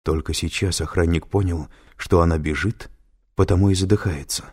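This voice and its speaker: A man narrating an audiobook in a very low voice. His storytelling is measured and even, with steady scripted delivery. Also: breathy edge.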